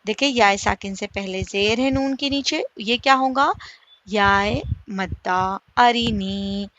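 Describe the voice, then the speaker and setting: A woman teaching a slow recitation lesson. She asks her listeners questions, answers them herself, and stretches the example vowels out slowly. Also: medium pitch, a bit bright, no echo, lo-fi sound. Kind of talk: slow step-by-step tajweed lesson.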